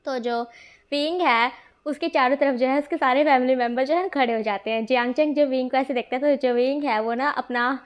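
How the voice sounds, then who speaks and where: A young woman with a high voice tells a fan story in a loose, chatty way. She leans on the same filler phrases again and again as she narrates. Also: steady tone, fairly quick, clear, resonant tone, highs cut off. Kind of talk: casual fanfiction narration.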